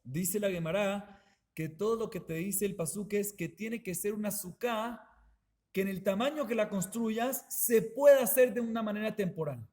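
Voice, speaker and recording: A man's voice: high voice, moderate pace, a little mellow. A man, a rabbi, teaching a Talmud class, explaining step by step, repeating and rephrasing, and putting rhetorical questions to his students. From Colombia.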